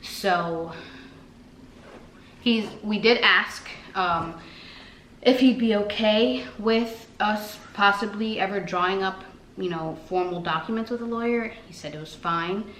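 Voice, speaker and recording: A woman's voice: mid-range voice, slow pace, fairly bright tone. A woman vlogger chatting casually, rambling with many fillers. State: out of breath. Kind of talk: casual chat. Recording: echoey room, faint noise.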